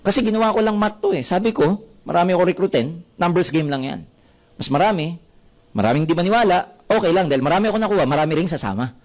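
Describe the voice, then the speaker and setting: A man with a Filipino accent, his voice pitched fairly high, gives a motivational seminar talk. He is animated and tells stories full of quoted dialogue. He switches freely between Tagalog and English. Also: fast talker. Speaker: network marketing speaker.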